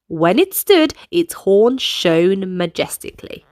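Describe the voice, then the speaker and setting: A woman with a mid-range, slightly mellow voice and big pitch swings narrates a kids' storybook at a slow pace while guiding young listeners through dance movements. Her style is instructive and clearly paced, in a dry recording with clean studio sound.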